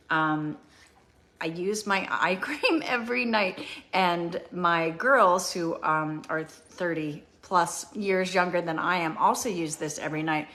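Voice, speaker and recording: A woman in her fifties hosting a casual beauty product demonstration, chatty and often pausing on "um". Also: low voice, a bit bright. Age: 50s. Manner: chatty, with frequent ums. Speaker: beauty show host.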